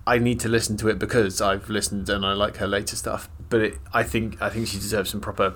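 A man's voice: fairly low pitch, flat delivery, fast talker, a bit bright, slight background noise. A man co-hosting a podcast, chatting casually about music, agreeable and a little hesitant. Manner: agreeable, hesitant, lots of yeahs. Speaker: podcast co-host.

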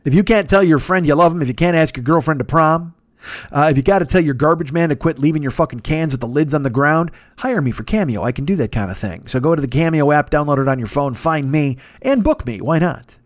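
A man with a fairly high voice hosts a comedy podcast and runs through his own plugs. He talks bluntly and casually, with a bit of swearing. His voice sounds dry and close, with no room in it. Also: lively intonation, fast, no echo, faint music behind. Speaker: podcast host. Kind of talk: casual self-promotion plugs.

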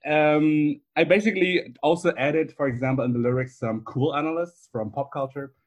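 A man's voice: a little high, normal speed. A man speaking as a guest on a podcast about his work, friendly and upbeat, laughing easily. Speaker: podcast guest, analytics director. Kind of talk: casual podcast interview.

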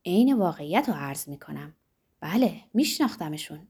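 A self-satisfied male pharmacist who loves to argue and gossip, voiced by a woman narrator. The voice is husky and mellow, with lively swings in pitch. He talks as if he has already won every debate, in a storybook reading. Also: full character voice. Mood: arguing. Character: boastful talkative middle-aged male pharmacist. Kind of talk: audiobook character reading.

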